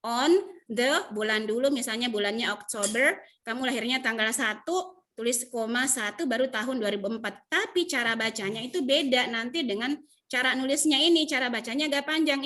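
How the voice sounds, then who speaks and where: Indonesian woman teaching English slowly. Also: on the high side, fairly bright tone. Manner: slow, deliberate English examples between quick explanations. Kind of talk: online class lesson. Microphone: video call.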